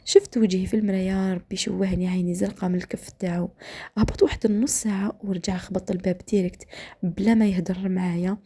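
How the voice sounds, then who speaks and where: A woman with an Algerian accent telling a dramatic story while cooking, often dropping to a hushed whisper, with a gravelly voice. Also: mid-range voice, fairly even intonation, quick pace.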